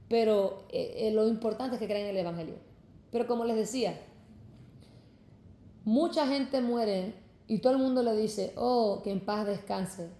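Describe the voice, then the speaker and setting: A fervent young woman from Cuba preaches her testimony, often calling her listeners brothers. Her voice is mellow and warm. It rings a little off the walls of an echoey room. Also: mid-range voice.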